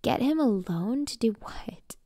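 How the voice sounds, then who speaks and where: A woman's voice: a little high, lively intonation, measured pace, mellow, no echo, studio quality. A woman voicing a curious, teasing teenage girl friend in a storybook reading.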